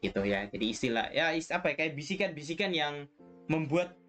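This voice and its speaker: A man's voice: a little high, animated, fairly quick, a bit bright, soft background music. A man mentoring trading students in a casual, chatty lesson, often tagging his sentences with little checks for agreement. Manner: chatty, repeats "ya kan" and "gitu" often.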